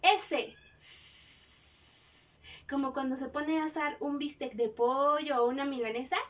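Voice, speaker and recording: A woman teacher, giving a phonics lesson to young children and sounding out each letter slowly and clearly. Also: high-pitched, steady tone, a bit bright, far from the mic.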